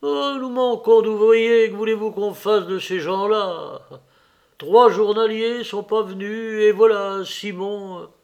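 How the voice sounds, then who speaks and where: A fretful peasant steward with a raised, nasal-edged pitch, drawling out excuses and shrugging off blame, as a male narrator puts him on. He sounds flustered and evasive, an audiobook character voiced with clear effort. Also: steady tone, slow pace, highs cut off. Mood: whining. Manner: drawling, excuse-making, starts with "ben" and "oh".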